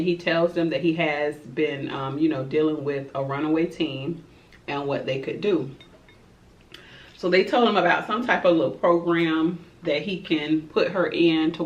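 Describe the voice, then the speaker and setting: A woman telling a dramatic story to her viewers while eating, with chatty asides. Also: low voice. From Florida, USA. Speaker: mukbang vlogger. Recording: roomy, distant, dull-sounding home recording.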